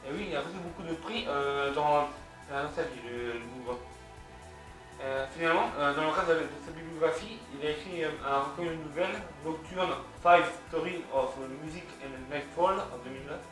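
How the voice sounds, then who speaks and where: A man with a French accent talks through his notes in a lecture, stumbling often and restarting his sentences. His voice sits a little high and sounds distant from the mic. The room is very echoey. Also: normal speed, a bit bright, soft background music. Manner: many hesitations and restarts, reads out web addresses. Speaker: culture video host. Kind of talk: hesitant spoken lecture from notes.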